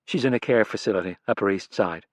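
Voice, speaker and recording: A man's voice: lowish voice, fast, dry recording, natural voice. A man reading an audiobook, voicing a chatty, upbeat young female magician who brushes off worries. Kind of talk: audiobook character voice.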